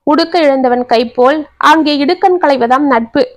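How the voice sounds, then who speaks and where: A woman's voice: high-pitched, moderate pace, close to an everyday voice. Stern old father, as a woman reads him. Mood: firm. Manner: lecturing, insistent. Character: stern older father, firm and principled.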